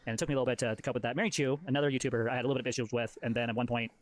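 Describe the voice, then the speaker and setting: A man of average pitch talks extremely quickly in casual streamer chat. His delivery rambles along conversationally. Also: steady tone.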